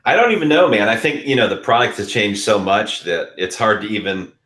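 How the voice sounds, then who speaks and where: Deep-voiced man in casual chat. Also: lively intonation, fairly quick, fairly bright tone. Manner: rambling, hedging with fillers. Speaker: co-host.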